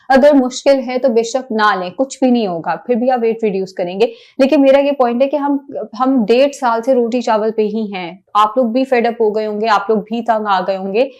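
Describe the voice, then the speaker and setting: A woman's voice: on the high side, darkish tone. A woman giving plain, step-by-step diet instructions, with English words mixed in. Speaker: diet planner.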